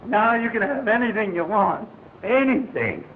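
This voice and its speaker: An excitable frontier character in a 1930s western. His voice is pitched very high and swings up and down. The old soundtrack makes it thin and tinny. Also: normal speed, reverberant, slight background noise. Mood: elated. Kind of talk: 1930s film western acting.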